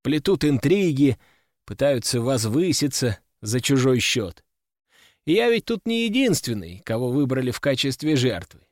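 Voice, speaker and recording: An audiobook narrator reads a first-person novel aloud, telling the story expressively. His medium-pitched voice moves at a moderate pace, captured in a dry, clean studio recording.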